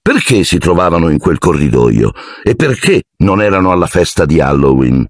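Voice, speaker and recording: A man's voice: low voice, very animated, normal speed, no echo, studio quality. A man voicing Piton, a cold, sneering male teacher who picks at the boys' story with suspicion.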